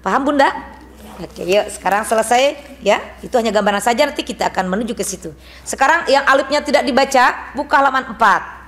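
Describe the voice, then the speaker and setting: A woman's voice: fairly high pitch, lively intonation, fairly bright tone, slight background noise. A woman teaching Quran recitation rules to a women's study group in a mosque, quizzing the class as she goes. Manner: brisk, asks the class questions and drills responses.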